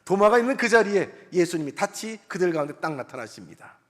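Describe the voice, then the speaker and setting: Man, pastor, sermon, high-pitched, earnest conversational preaching, church sanctuary, reverberant hall. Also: animated, fast, fairly bright tone. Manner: earnest, conversational preaching with voiced inner thoughts.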